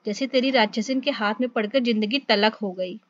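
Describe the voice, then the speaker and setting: A woman's voice: on the high side, brisk, highs cut off, natural voice. Woman reading as an angry resentful young villager. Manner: shouting threats.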